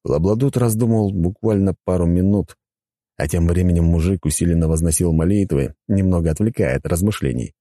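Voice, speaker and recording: A man narrating a scripted story in a lively, animated way, with a husky voice. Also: deep voice, fairly quick, no room sound, clean studio sound.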